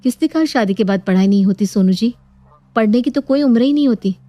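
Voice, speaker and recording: A woman voicing a polite, gentle young daughter-in-law in a cartoon story. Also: a little high, brisk, no room sound, lightly acted.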